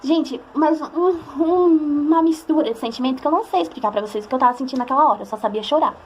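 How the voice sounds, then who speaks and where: Brief: young Brazilian woman, emotional confessional vlog, quick delivery, faint hum behind. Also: sits high. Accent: Brazilian Portuguese. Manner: chatty, emotional, acts out quoted voices. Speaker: vlogger. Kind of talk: personal storytelling to camera.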